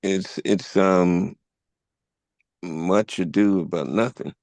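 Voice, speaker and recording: Slow, low-voiced gravelly man. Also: fairly even intonation, darkish tone, dry recording. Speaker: podcast host. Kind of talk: live podcast discussion.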